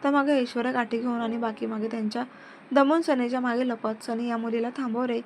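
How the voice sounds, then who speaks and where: Lady reading a love story serial, kinda high and pretty flat, music playing under it. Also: fairly quick, slight background noise. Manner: reads every character herself with little change in voice. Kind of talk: reading a romance serial story with character dialogue.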